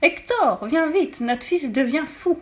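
A woman's voice: high voice, lively intonation, a little fast, pitched above the performer's own voice. A woman voicing a vampire mother who cries out in alarm and then coaxes sweetly. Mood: shocked.

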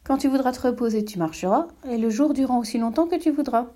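A woman's voice: on the high side, fast, dark tone, pitched above the performer's own voice, close to an everyday voice. A woman doing a curious little boy prince. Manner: earnest, wondering questions.

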